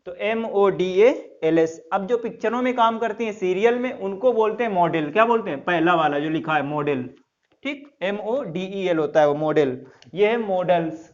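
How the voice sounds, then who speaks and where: A man's voice: sits high, muffled recording. A male English teacher giving a classroom lecture, repeating words and quizzing his students with questions. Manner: recites a couplet slowly.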